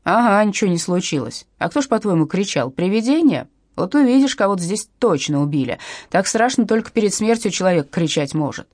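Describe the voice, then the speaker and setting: A woman voicing a gloomy, hoarse male security guard who grumbles and expects the worst. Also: mid-range voice, very animated, brisk, hardly any pauses, darkish tone, no echo, studio quality. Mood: grumbling. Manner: grumbling, pessimistic.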